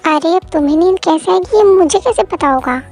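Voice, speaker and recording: Brief: sleepy, grumbling young husband, woman voicing, lower than her usual voice, audio drama. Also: animated, fairly quick, a little mellow. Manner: tired, grumbling, exasperated. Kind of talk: Hindi fan audio drama.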